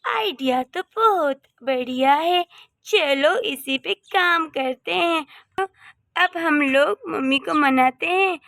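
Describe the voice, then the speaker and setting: A woman's voice: high voice, slow pace, vocal fry, a bit bright, dry recording, studio quality, exaggerated voice. A woman doing a sly sugary daughter-in-law. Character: scheming young daughter-in-law, sweet-talking and false. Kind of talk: cartoon voice acting.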